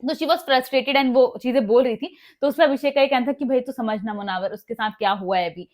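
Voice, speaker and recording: Speaking fairly high and fairly quick, with a slightly mellow tone, this woman vlogger gives a casual spoken recap of a reality show episode. Her retelling is sprinkled with English words, acted-out quotes, and plenty of fillers.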